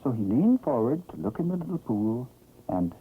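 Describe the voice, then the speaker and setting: A narrator telling a children's story in an expressive, theatrical vintage 1960s cartoon style. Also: medium pitch, moderate pace, over music. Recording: old tinny, noisy cartoon soundtrack.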